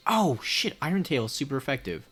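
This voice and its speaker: A young man giving let's play commentary on a game, excitable, swearing a lot and laughing often. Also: medium pitch, a little fast, slightly rough, faint music behind. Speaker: gaming YouTuber.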